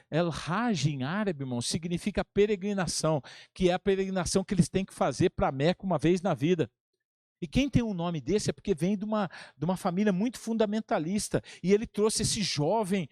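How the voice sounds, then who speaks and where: Missionary pastor preaching with animated stories. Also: male voice, high-pitched, dry recording, clean studio sound. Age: 40s. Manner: animated storyteller who acts out both sides of dialogue. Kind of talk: storytelling sermon.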